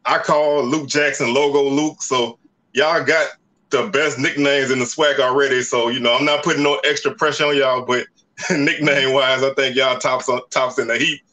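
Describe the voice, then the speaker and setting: Man hosting a talk show, bright tense voice, mid pitch, laid-back chatty manner, video call. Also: fairly even intonation, normal speed. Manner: laid-back, chatty, lots of "you know". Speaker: show host. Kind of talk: casual interview.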